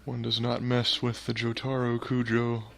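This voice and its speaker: A man's voice: mid-range voice, monotone, moderate pace, gravelly, a bit bright. A man co-hosting a video game playthrough, making short, dry, teasing remarks. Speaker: let's play co-host. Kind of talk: casual gaming banter.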